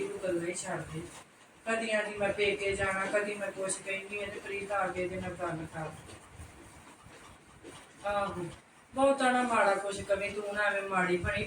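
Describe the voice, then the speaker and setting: A woman's voice: medium pitch, natural voice. A woman playing a nagging older mother-in-law in a comic family skit, with a Punjabi accent, who grumbles and scolds. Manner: grumbling, complaining, quick to scold. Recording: roomy, distant, noisy home recording.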